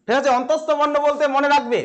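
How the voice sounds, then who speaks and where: Speaking in a very high voice with fairly even intonation, this West Bengal-accented man teaches grammar to a class. He asks questions only to answer them himself, and he lingers on important words, saying them slowly and more than once.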